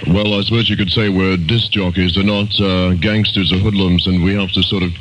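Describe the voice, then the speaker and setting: A man's voice: sits low, fairly even intonation, a little fast, heavy background noise. A man working as a disc jockey, announcing in an AM radio style on a 1970 broadcast.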